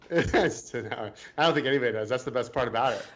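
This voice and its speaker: A man's voice: medium pitch, moderate pace, a bit bright, muffled recording. A man co-hosting a casual sports podcast, hesitant and joking, often restarting his sentences. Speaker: podcast co-host.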